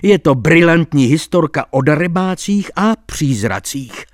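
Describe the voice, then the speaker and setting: A man reading an audiobook voices a lively male court clerk who relishes telling a scandalous tale. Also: fairly high pitch, dry recording, clean studio sound, voice pushed up, natural voice.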